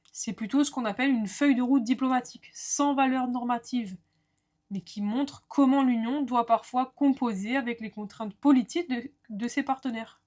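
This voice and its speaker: A woman lecturer explaining a law lesson step by step, with clear, structured delivery and small asides to the viewer. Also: fairly high pitch, a little mellow.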